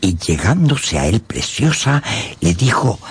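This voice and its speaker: A man with a fairly low, gravelly-edged voice narrates a dramatised audiobook theatrically and expressively, using dramatic pauses. A little hiss or hum can be heard.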